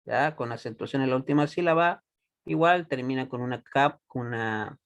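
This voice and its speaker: A man teaching a Hebrew class, patient and deliberate, often checking that students follow. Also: mid-range voice, lo-fi sound. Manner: patient, checks understanding with frequent "¿ya?"; slow and deliberate, repeats words for students. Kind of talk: classroom lesson.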